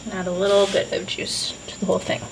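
A woman's voice: mid-range voice, monotone, quick pace, heavy background noise. Young woman explaining a home cooking demo. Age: young adult. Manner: chatty, explaining each step. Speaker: cooking show presenter. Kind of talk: casual cooking demonstration. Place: home kitchen. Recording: roomy kitchen sound with faint music.

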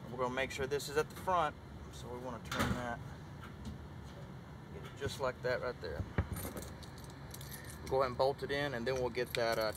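A relaxed man explains each step of a repair job as he goes, in a casual how-to manner. His voice sits a little back from a body-worn camera mic. Loud noise runs underneath the whole time. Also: mid-range voice, far from the mic. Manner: relaxed, talks himself through each step. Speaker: HVAC technician. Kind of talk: casual how-to narration while working. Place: attic workspace beside a furnace. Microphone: body-mounted action camera.

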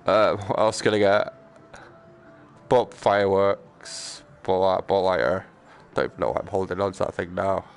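Sitting low in pitch with a creaky texture, a man keeps up lively, foul-mouthed, joking commentary on his game stream at a moderate pace.

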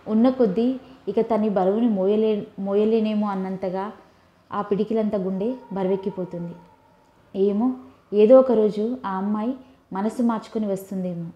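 A woman narrating an audiobook story in a calm, even reading voice. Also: mid-range voice, highs cut off. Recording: roomy echo.

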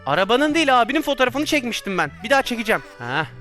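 A young man giving excited let's-play commentary on a video game, animated and quick to shout and laugh at mishaps. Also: very high-pitched, faint music behind. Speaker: gaming YouTuber.

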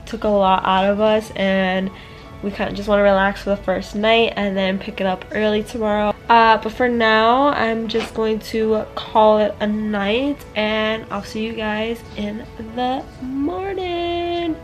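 A woman's voice: medium pitch, fairly even intonation, measured pace, soft background music. A young woman chatting upbeat to her viewers in a casual travel vlog, filming herself with a handheld camera. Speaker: vlogger. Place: hotel room and beach.

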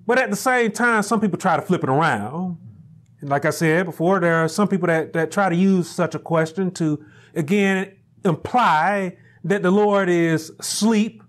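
A middle-aged man preaching a sermon at a pulpit in a small chapel, building to shouted emphasis and repeating his phrases. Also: high voice, moderate pace. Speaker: pastor. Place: small chapel room indoors, standing at a pulpit. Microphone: lapel mic.

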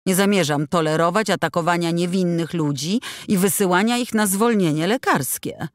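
A woman reading an audiobook, voicing a cold, dismissive male company director who speaks in a calm, curt, bureaucratic way. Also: fairly low pitch, moderate pace, no room sound, studio quality, lightly acted. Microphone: close studio mic.

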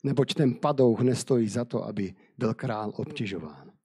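A man's voice: medium pitch, a little mellow, breathy edge, natural voice. A man voicing an ancient Persian queen who pleads before the king, in a scripture reading. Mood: pleading. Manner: read aloud with light emphasis.

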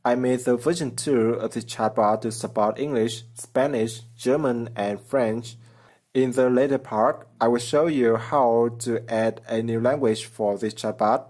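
A programming tutorial host narrates a screen recording in a mid-range, steady, slightly mellow voice, taking his time. He explains plainly, step by step, using simple non-native phrasing.

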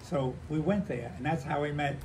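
Gravelly elderly American veteran reminiscing. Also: male voice, on the high side. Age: 90s. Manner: halting, repeating himself, acting out remembered dialogue. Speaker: war veteran interviewee. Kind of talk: old veteran reminiscing, conversational storytelling. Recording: noisy handheld home recording.

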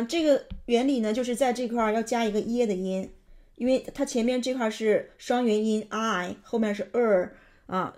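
A woman's voice: on the high side, darkish tone. Woman explaining pronunciation step by step. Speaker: host and pronunciation tutor.

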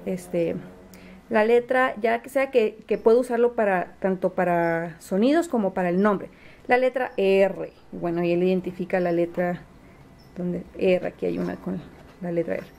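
Patient mom teaching letter sounds. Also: female voice, medium pitch, darkish tone, slight background noise. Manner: patient, repeats letter sounds slowly, many fillers. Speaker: homeschooling mother. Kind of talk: casual home teaching demonstration. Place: home, at a table.

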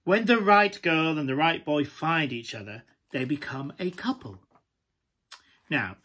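A man performing a glamorous, camp pantomime dame with a British accent and a husky, breathy voice, coaxing listeners through a children's story. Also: fairly high pitch, a bit bright, exaggerated voice. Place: small room at home, indoors.

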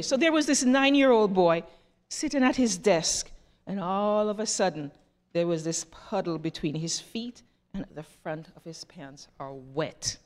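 A woman's voice: mid-range voice, big-room sound. A woman giving a children's message in church, telling a story, asking the children questions and leading a prayer. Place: church sanctuary.

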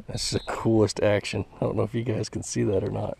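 A young man hosting a fishing vlog, explaining his technique in a relaxed way while casting from a pond bank, recorded on a head-mounted camera outdoors. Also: fairly low pitch, fairly quick, vocal fry, breathy edge. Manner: relaxed, explaining as he fishes, chuckling. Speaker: fishing channel host. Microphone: head-mounted action camera. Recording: outdoor camera mic with faint background noise.

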